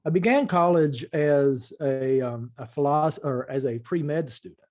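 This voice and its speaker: A man from eastern Kentucky with an Appalachian accent, reflecting as a podcast guest in a thoughtful, halting way. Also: on the high side, darkish tone. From eastern Kentucky, USA. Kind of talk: reflective interview talk.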